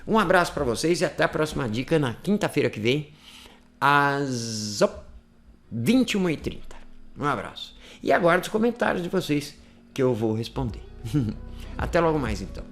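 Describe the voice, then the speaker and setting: A man's voice: on the high side, sing-song, moderate pace, soft background music. A man giving a casual, chatty language lesson, repeating phrases to demonstrate. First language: Portuguese. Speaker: language teacher.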